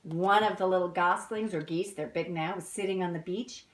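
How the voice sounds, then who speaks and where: With a lowish voice and fairly even intonation, a woman reads a picture book to young children at a moderate pace. She speaks to them directly, asking questions and explaining things in simple terms.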